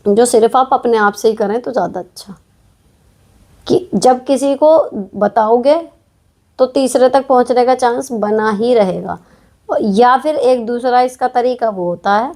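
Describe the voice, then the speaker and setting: A woman's voice: on the high side, mellow. A woman hosting an advice show, answering viewer questions in casual, frank talk with many tag questions. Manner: direct, frank, chatty, with frequent tag questions.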